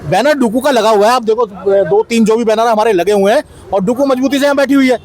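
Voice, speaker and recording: Very high-pitched and darkish in tone, a man speaks fast as a union president being interviewed on the spot at an outdoor protest near a street. He answers the reporter insistently, going back over the same points, with slight noise in the background.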